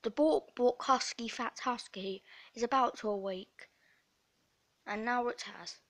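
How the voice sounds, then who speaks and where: A woman's voice: on the high side, unhurried. Playful woman doing mock nature narration. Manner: playful deadpan documentary parody. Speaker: vlogger narrating her dog. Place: at home indoors.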